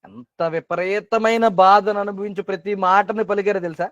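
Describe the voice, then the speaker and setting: A man's voice: high voice, steady tone, normal speed, no room sound, highs cut off. A man preaching a sermon at an online prayer meeting who keeps asking questions and repeating phrases for emphasis. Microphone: video call.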